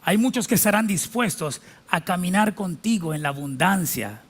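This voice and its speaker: A middle-aged pastor preaching a sermon emphatically, with slow, drawn-out phrases and spelled-out words. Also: male voice, high-pitched, expressive, husky.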